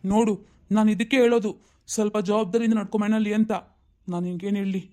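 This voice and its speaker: A man playing a scolding, fast-talking husband. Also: high-pitched, steady tone, mellow, lightly acted. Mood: worried. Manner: scolding, bossy, rapid-fire. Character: stern angry husband and father. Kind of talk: amateur audio family drama.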